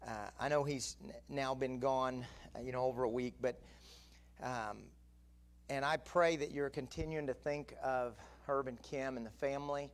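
A man's voice: medium pitch, fairly even intonation, normal speed. A middle-aged man, an assistant pastor giving announcements and then preaching with growing emphasis in a church sanctuary. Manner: conversational, rising to emphatic preaching. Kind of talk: announcements and sermon. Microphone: pulpit mic, far camera.

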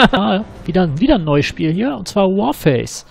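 Excitable, foul-mouthed gaming commentator, man. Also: sits high, normal speed, creaky, husky. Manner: excitable, swears often, slangy. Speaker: gaming channel host. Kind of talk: let's play commentary.

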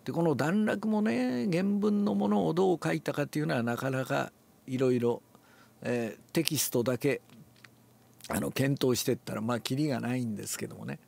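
An older man, relaxed and musing aloud, explains a classical Japanese text before reading it aloud and demonstrates with his voice. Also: medium pitch, normal speed, gravelly. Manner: relaxed, talks to himself, demonstrates accents aloud. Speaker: reading teacher.

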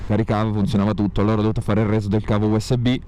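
A man's voice: on the low side, flat delivery, racing. A man, vlogging casually and swearing freely from inside a motorcycle helmet as he rides. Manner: informal, sweary. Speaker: motovlogger. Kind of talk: casual motorcycle vlog monologue. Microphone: microphone inside the helmet. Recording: helmet mic with loud engine and wind noise.

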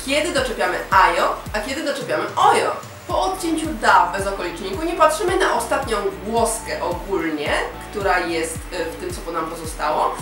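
A woman teaching a language lesson, explaining grammar rules step by step in a patient way. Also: medium pitch. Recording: very echoey room, voice from far off, music behind.

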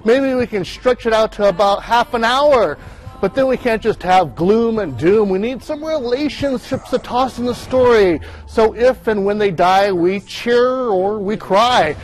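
A man with a fairly high voice gives a chatty, wry movie review in a TV studio. He talks as the station's film critic, easy and conversational. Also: animated, measured pace, poor audio. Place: TV news studio.

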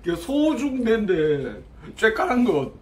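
A man's voice: high-pitched, very animated, slow. A man, chatting and laughing often while filming a food vlog on a phone in a small restaurant. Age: 40s. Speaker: vlogger. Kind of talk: casual food vlog chat. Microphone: handheld phone camera. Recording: echoey small room.

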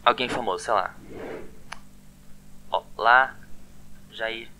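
A man with a medium-pitched, sharp-toned voice speaks slowly over a faint hiss or hum. He's a language teacher running a relaxed online lesson, chatting freely and often repeating words with a questioning "né?".

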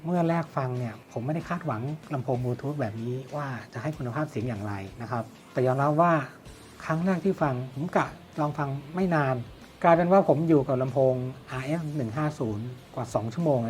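Reviewing an audio product, a man explains things by posing questions and answering them on his own. His voice is fairly high and a little mellow, and background music plays behind it.

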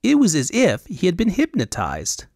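A man voicing a foppish, talkative male noble with a high, affected fantasy accent, in a storybook audiobook. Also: wildly swooping pitch, normal speed, creaky, darkish tone, no room sound, studio quality, full character voice. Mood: excited. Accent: high Elvunian fantasy accent. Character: foppish high-voiced male Elvunian noble, flamboyant and chatty.

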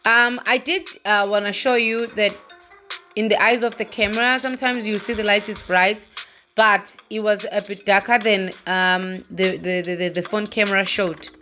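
Faint music plays behind a woman vlogging on her phone as she walks outside and into a cave, chatting away and laughing at herself. Her medium-pitched voice is steady, bright, and forceful, with a moderate pace.

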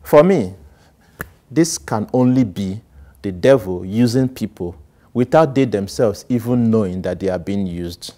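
Slow-talking priest, animated homily. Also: male voice. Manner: animated, sweeping gestures, swings between loud emphasis and low asides. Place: small studio set with plants, indoors. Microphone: lapel mic.

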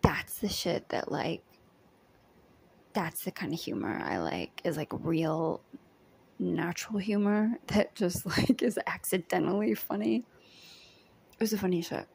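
This vlogger, a young woman, casually describes a day spent as a background extra, giggling and half-whispering with plenty of "like" and "um." Her breathy, fry-tinged voice is lowish and darkish, expressive, at a measured pace with long pauses.

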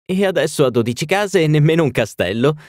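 A man's voice: animated, fast, no room sound, clean studio sound, close to an everyday voice. A man voicing a witty, playful society hostess with a raised, teasing voice. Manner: bright, teasing, raised pitch. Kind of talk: audiobook reading.

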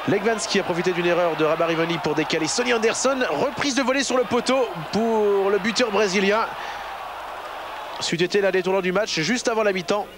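A man giving football highlights commentary as a TV commentator. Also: a little fast. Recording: noisy broadcast with stadium crowd. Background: football crowd.

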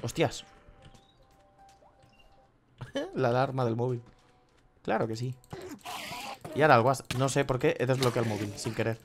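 A man's voice: medium pitch, lively intonation, normal speed, long pauses, soft background music. A man with a Spain Spanish accent giving casual gameplay commentary. He swears often and breaks into sudden yelps. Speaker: gaming youtuber.

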